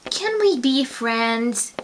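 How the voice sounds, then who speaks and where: Faint music plays behind a young woman from Romania whose high voice has lively intonation and drawn-out words. She makes toy videos, and here she rambles casually through viewer comments, plainly exasperated and using lots of fillers.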